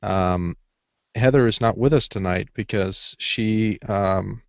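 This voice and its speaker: A man co-hosts a podcast, keeping the conversation informal, easygoing and casual. His voice is lowish and slow with vocal fry, captured in a dry, slightly dull, lo-fi recording.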